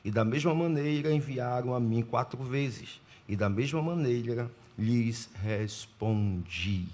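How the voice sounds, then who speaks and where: A man from Pernambuco speaks as a guest preacher in a church sanctuary. His voice sits at an ordinary middle pitch, and his delivery is formal and deliberate. He greets the congregation and reads scripture with measured pauses. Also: darkish tone. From Pernambuco, Brazil. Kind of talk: sermon with scripture reading.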